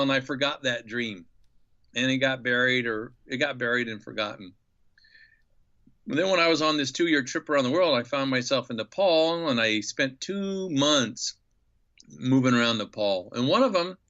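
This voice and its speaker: A man in his fifties from Nebraska, a podcast guest telling a travel story with animated enthusiasm. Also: medium pitch, lo-fi sound. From Nebraska, USA. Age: 50s. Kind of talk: storytelling interview.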